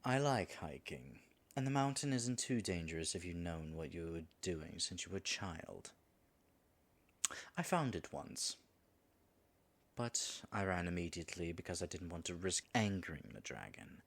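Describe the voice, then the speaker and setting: In an audio roleplay, a man plays a nervous male dragon disguised as a human guide, stammering and muttering asides to himself. His voice is deep and animated at a moderate pace, and the mood comes across as persuasive and composed.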